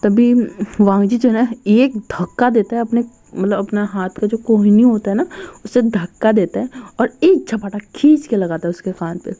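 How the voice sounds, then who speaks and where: A woman's voice: mid-range voice, moderate pace, warm tone. A woman retelling a story in a chatty, casual way, with many fillers.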